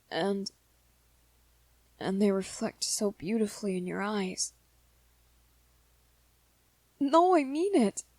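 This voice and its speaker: A woman's mid-range voice, recorded with no echo, brings to life a lovestruck, gentle young vampire man in romantic ASMR. Tender and awed, the character is earnest and hesitant, with small stammers.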